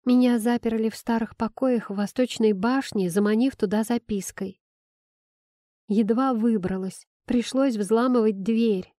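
A woman's voice: a little high, unhurried, warm tone, dry recording, clean studio sound, lightly acted. A woman playing a sly, teasing young palace steward. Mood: plaintive. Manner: mock-innocent, teasing.

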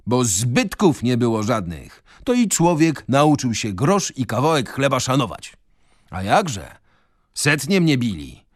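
A man reading a novel aloud on the radio in a measured, expressive way. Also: medium pitch, no room sound, clean studio sound. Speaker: reader. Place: radio studio.

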